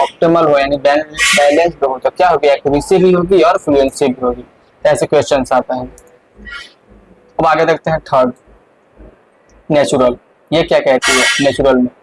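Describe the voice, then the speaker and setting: A man's voice: fairly high pitch, fairly even intonation, moderate pace, a crowd in the background, poor audio. A male teacher giving an exam-prep lesson, explaining step by step and repeating the key points with frequent fillers.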